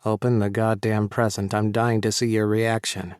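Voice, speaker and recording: A male narrator voicing a teasing, playful young man who is the narrator's lover, in a slightly lower and slower delivery. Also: level tone, darkish tone, clean tone, no room sound, clean studio sound, lightly acted. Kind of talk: audiobook character voice.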